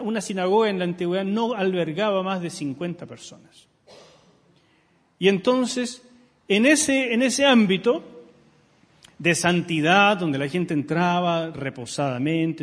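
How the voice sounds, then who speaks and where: A middle-aged pastor preaching a sermon, emphatic and full of rhetorical questions to the congregation. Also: male voice, high voice, slightly rough. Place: church sanctuary. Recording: long church hall reverb.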